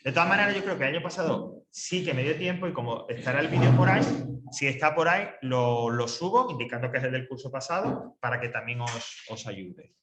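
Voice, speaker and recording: A man's voice: mid-range voice, fairly quick. A Spanish-accented male teacher explaining grammar to an adult class, hesitant, with many restarts and checks for understanding. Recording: echoey room, faint noise.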